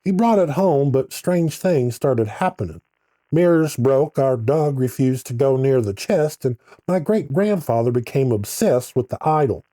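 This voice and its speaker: A man's voice: medium pitch, expressive, unhurried, warm tone, no room sound, lightly acted. A man playing a caller from Charleston, telling a family story in a plain, earnest way.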